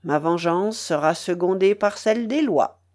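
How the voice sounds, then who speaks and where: A woman's voice: lowish voice, expressive, a little slow, darkish tone. A woman reading an audiobook, voicing a vengeful, scornful male pirate who threatens with sneering emphasis.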